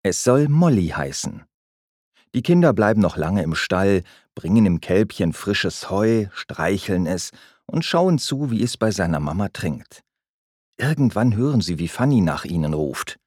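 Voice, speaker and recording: A man reading a children's story aloud, gentle and expressive. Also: fairly low pitch, unhurried, dry recording, studio quality. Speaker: narrator.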